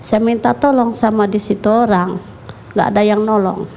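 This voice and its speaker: Gravelly woman telling her story. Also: mid-range voice, fairly even intonation, normal speed, mellow, a little hiss or hum. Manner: recounts in short run-on clauses, plain and colloquial. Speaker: mother giving an interview. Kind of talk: emotional first-person account.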